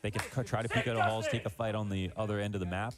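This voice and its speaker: A man's voice: on the low side, steady tone, quick pace. A man giving analytical esports commentary as a caster, explaining the plays.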